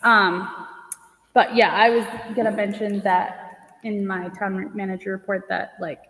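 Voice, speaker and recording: A woman's voice: mid-range voice, level tone, a little slow, a bit bright. A woman town manager talking casually and in a rambling way at a meeting in an echoing space. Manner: informal, rambling, peppered with "like". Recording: echoey hall with long reverb.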